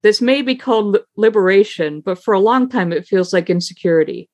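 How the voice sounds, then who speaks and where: A woman giving a dharma talk as a Zen teacher, unhurried and reflective, with frequent soft laughter. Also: medium pitch, lively intonation, no echo.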